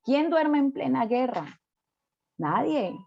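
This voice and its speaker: A woman's voice: high voice, sing-song, slow, vocal fry, no echo, dull audio. A woman pastor preaching a sermon emphatically, often adding rhetorical tag questions.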